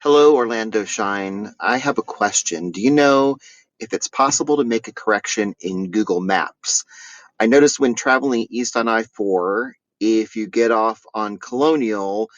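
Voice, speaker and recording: Brief: male caller, lowish voice, earnest and methodical, heard over a muffled landline phone. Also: moderate pace, dry recording. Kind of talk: leaving a voicemail question. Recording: dull lo-fi phone line.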